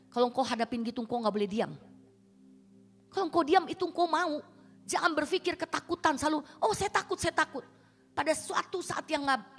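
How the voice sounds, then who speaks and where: A woman pastor, preaching a sermon in a colloquial, dramatic storytelling manner. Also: high voice. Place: church hall. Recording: reverberant church hall with faint music.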